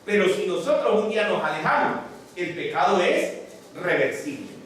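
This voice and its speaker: A man's voice: high-pitched, moderate pace, a little hiss or hum. A man preaching a sermon, retelling a parable and putting questions to the congregation. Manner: animated, asks the congregation questions. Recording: very echoey room from far off.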